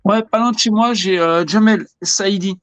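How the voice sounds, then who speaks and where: A man talking as a beatmaker guest in a casual live-stream chat, lively and quick to chime in. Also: high-pitched, smooth, no room sound.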